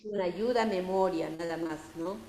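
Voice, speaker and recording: A woman's voice: lowish voice, moderate pace, warm tone. A Peruvian woman teacher lecturing over a video call. She explains at length, with fillers and tag questions. Her voice carries an echoey room sound with a faint hum behind it. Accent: Peruvian Spanish. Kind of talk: online class lecture.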